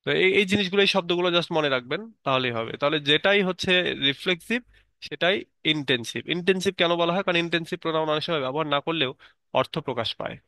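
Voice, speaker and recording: A man's voice: fairly high pitch, fast talker, pushed and bright, no room sound. A man teaching an online English grammar lesson, explaining step by step and repeating key terms.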